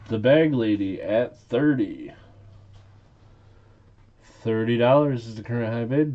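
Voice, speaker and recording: Male auctioneer, unhurried and playful, mellow tone, slightly muffled lo-fi recording. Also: on the low side. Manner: playful, repeats bids and calls. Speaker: auctioneer and live stream host. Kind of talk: casual auctioneer patter on a live auction.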